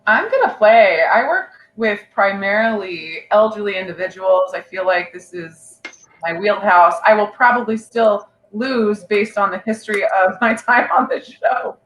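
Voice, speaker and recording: A woman's voice: medium pitch, a little slow, roomy sound, dull audio, a little hiss or hum. A woman contestant on a comedy game show, chatty and self-deprecating, telling a casual story.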